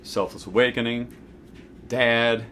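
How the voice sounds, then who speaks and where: Slow and steady, with a mid-range voice and a sharp edge, a man in his forties delivers an informal spiritual lesson to camera for his self-help video series. He is conversational and emphatic, often checking in with the viewer. There is slight background noise.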